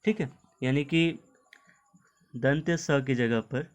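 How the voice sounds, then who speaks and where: A man gives a recorded Hindi lesson on pronunciation, his voice sitting at an ordinary middle pitch. He talks through examples patiently and keeps asking "okay?" as he goes. English words turn up now and then in his Hindi. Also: takes it slowly. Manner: explains patiently, repeating "ठीक है" often. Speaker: Hindi teacher. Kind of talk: online video lesson.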